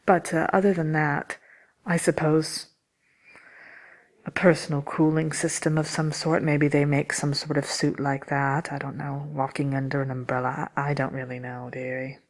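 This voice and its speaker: A woman playing a haughty, grumpy fairy-tale witch in soft-spoken ASMR roleplay, answering questions as a host in a dry, unhurried, condescending manner. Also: low voice, little pitch movement. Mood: dry, matter-of-fact.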